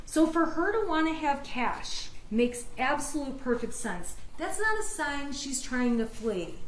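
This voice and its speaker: An American woman, a defense attorney, delivering a passionate, emphatic closing argument in court. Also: high-pitched. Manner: passionate, emphatic, insistent arguing. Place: indoor courtroom. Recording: echoey courtroom with background noise.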